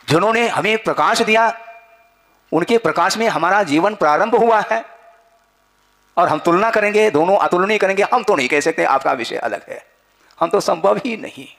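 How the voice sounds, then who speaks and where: A man's voice: a little high, gravelly, a bit bright. A man giving a spiritual discourse as a wise religious teacher, instructing his listeners with rhetorical questions and repeated phrases.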